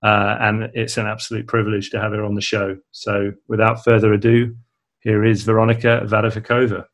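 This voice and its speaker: A man introducing a podcast guest, measured and slightly halting with pauses. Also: fairly low pitch, completely flat delivery. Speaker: podcast host.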